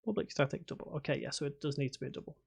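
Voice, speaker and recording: Rapid-fire and on the high side, his voice carries vocal fry and a slightly rough quality. He's a Liverpool-area man with a faded Scouse accent who tutors game development on a laid-back livestream, fielding viewer comments and mumbling to himself mid-work.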